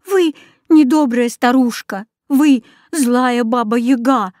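A scared little girl pleads in a high, wavering, tearful voice, her words slow and mellow in tone, as a woman reading a storybook puts her on. She begs and protests without letting up. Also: no room sound, studio quality. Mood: pleading.

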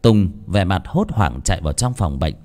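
A man narrating a serialized novel in an expressive, dramatic storytelling manner. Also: sits low, moderate pace. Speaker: audiobook narrator. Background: faint background music.

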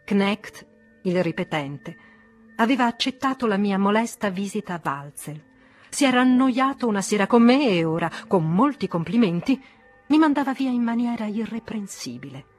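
A woman's voice: medium pitch, lively intonation, moderate pace, faint music behind, lightly acted. A woman reading the part of an agitated, worldly middle-aged man who reproaches an old friend, in an audiobook. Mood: reproachful. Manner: reproachful, emotionally charged.

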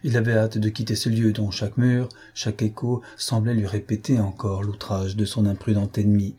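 A male audiobook narrator reading a classic novel aloud. His voice is dark and husky, and his reading is steady and measured. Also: lowish voice. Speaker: audiobook reader.

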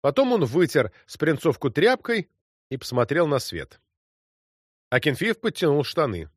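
A man reads a literary story aloud as an audiobook narrator. His voice sits slightly high and moves with lively, expressive pitch. The recording is close and dry. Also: unhurried, dry recording.

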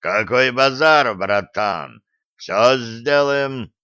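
A man reading an audiobook, voicing a huge, gruff male ex-convict who talks in low booming prison slang. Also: animated, very slow, pushed and bright, dry recording, heavily acted. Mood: eager. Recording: dull dry close recording.

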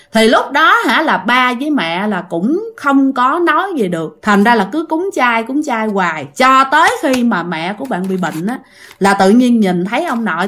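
Woman, chatty storyteller, slightly high voice, talks to listeners. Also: a bit bright. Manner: chatty, addresses listeners directly, many fillers. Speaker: ghost story teller. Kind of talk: casual spoken storytelling.

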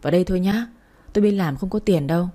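A woman reading the part of a kind young man who coaxes and pleads gently, in an audiobook. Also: fairly low pitch, racing, close to an everyday voice. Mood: offhand. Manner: coaxing, pleading.

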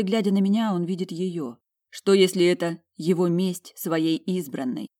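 A woman's voice: on the low side, darkish tone. A woman reads a first-person audiobook with emotional, introspective storytelling. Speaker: audiobook narrator.

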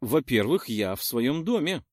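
A dignified, sharp-tongued woman answers with dry wit, as a male narrator plays her in an audiobook. The pitch moves in a lively way. The sound is close and dry. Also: measured pace, no echo. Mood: dignified, wry. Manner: dignified, caustic.

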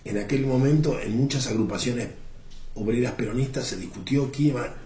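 A man in his seventies with an Argentine Rioplatense accent, recounting political history in a reflective, unhurried way, often pausing on filler words. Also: mid-range voice, dark tone. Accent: Argentine Rioplatense Spanish. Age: 70s. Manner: reflective, unhurried storytelling with frequent "este" fillers. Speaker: interviewee. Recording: roomy with faint background noise.

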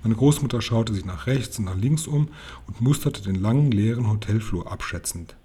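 A man reading a children's book aloud in a steady, plain storytelling manner, with the odd small slip. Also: on the low side, normal speed, husky. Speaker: audiobook reader.

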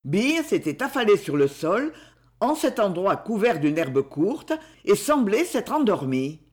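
A male audiobook narrator with a fairly high voice and a lively, rolling intonation. He reads the story theatrically, leaning into each sentence. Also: unhurried. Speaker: audiobook reader. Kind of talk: scripted narration.

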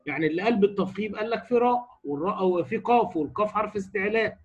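Egyptian man, tajweed teacher, high husky voice, casual explainer who recites examples slowly and repeats them. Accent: Egyptian Arabic. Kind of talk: tajweed lesson in colloquial Arabic. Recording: dull lo-fi recording.

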